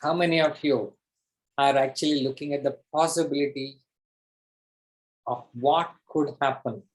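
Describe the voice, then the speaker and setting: Teaching live online as a coach, this Indian-accented man mixes Hindi with English in an interactive session. His mid-range voice holds a steady tone at a moderate pace, yet he's pushy and emphatic, repeating phrases for effect; audio quality is poor.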